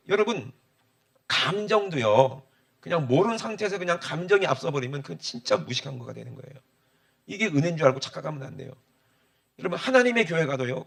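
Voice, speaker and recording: Animated high-voiced preacher. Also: male voice, vocal fry. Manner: emphatic preaching, often asks the congregation for an amen. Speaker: pastor. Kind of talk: sermon.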